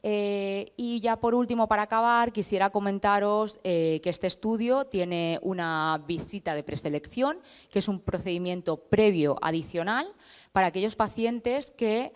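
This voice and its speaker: Female presenter. Smooth, lowish voice, explanatory and self-correcting, with long hall reverb. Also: normal speed. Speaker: study sponsor representative presenting a clinical trial. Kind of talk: informative presentation.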